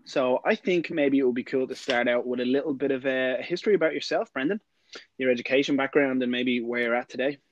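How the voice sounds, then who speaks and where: A man's voice: medium pitch, quick pace, no room sound, highs cut off. A man, casually presenting and interviewing as a podcast host.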